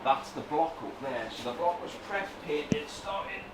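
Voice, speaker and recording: A man's voice: fairly high pitch, animated, unhurried. A man working as an engine builder, giving a casual technical explanation in a workshop. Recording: clear background noise in workshop.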